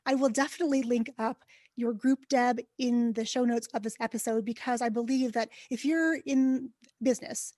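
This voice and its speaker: Enthusiastic high-voiced podcast host woman. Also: fairly even intonation, moderate pace, darkish tone, no room sound, clean studio sound. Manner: upbeat, enthusiastic. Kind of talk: podcast interview.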